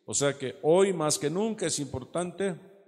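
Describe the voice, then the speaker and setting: A man preaching a Bible teaching sermon, explaining patiently, often checking with "¿verdad?" and slowing down to read verses. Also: on the high side, lively intonation, a little mellow, long reverb tail. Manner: explanatory, frequent "¿verdad?" tag questions, slows to read verses.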